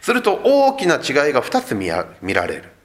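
A man's voice: on the high side, huge pitch swings, brisk. A man, the pastor, giving a sermon and telling the story vividly while speaking directly to his congregation. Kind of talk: Sunday sermon.

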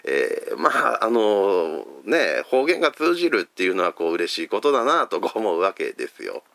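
A middle-aged man from Fukuoka with a Hakata accent, preaching a gentle, chatty sermon with many fillers. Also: sits low, wildly swooping pitch, normal speed, gravelly, no room sound. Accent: Hakata dialect. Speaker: pastor.

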